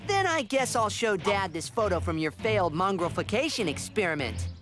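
A man's voice: sits high, big pitch swings, brisk, music in the background. A man voicing a brash, impatient, mischievous young boy in a cartoon, cocky and exclamatory. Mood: pushy. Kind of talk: cartoon acting.

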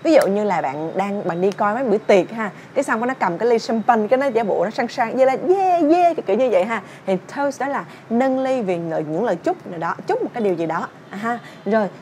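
Young woman teacher, chatty song lesson, slightly high voice, faint background hiss. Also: darkish tone. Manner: chatty, sings song lines then explains them. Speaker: English teacher. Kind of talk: song-based English pronunciation lesson.

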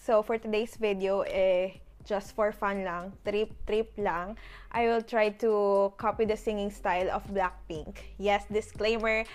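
A woman's voice: medium pitch, steady tone, takes it slowly. A young woman with a Filipino accent, chatting playfully and poking fun at herself in a casual vlog. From Philippines. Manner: chatty, playful, self-deprecating. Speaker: YouTuber. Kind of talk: casual vlog talk, Taglish.

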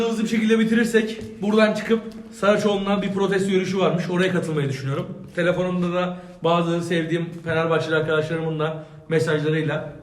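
Brief: high-voiced, rapid male pundit, griping, roomy studio. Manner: rapid, complaining, keeps talking over others. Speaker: football pundit, Fenerbahçe supporter. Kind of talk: casual panel chat. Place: studio with a panel.

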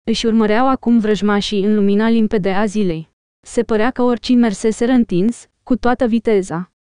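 A woman narrating an audiobook as scripted narration, reading in a measured, even way. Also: mid-range voice, clear, resonant tone, dry recording.

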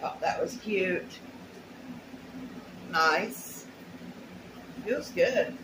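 Here a middle-aged haul vlogger talks through an unboxing at home, her chat loose and folksy, punctuated by muttered remarks. Her fairly low voice is animated, and she stretches out her words. A camera or phone sits a little way off in a small, bare room, so there's roomy echo and clear background noise.

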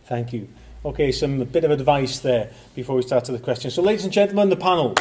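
A man moderating a university panel, introducing speakers and questions in a brisk, polite way. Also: mid-range voice, background noise.

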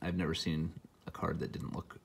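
A man's voice: extremely low pitch, level tone, normal speed, creaky, a little hiss or hum. A middle-aged man who is a little under the weather, giving casual, rambling commentary with dry asides as he hosts an unboxing. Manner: rambling, dry asides while naming cards. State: under the weather, mildly sick. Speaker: host opening hockey card packs. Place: indoor room at a table, hobby display behind.

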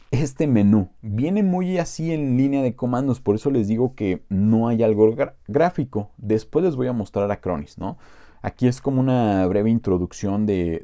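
Mexican guy doing a chill tech tutorial, rambly, lots of ums, fairly low voice. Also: dark tone. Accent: Mexican Spanish. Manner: informal, rambling, with many fillers and asides. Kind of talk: casual screen-recorded software tutorial.

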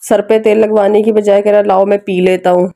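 Warm-voiced Pakistani woman vlogging. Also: mid-range voice, little pitch movement, a little fast, no echo. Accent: Pakistani Urdu. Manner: chatty, keeps addressing viewers with requests. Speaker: family vlogger and mother. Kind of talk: casual cooking vlog narration. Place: home kitchen and family room.

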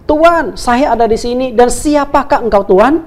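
A woman voicing a desperate young man stranded on a cliff, shouting and pleading for help. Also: fairly high pitch, unhurried, close to an everyday voice.

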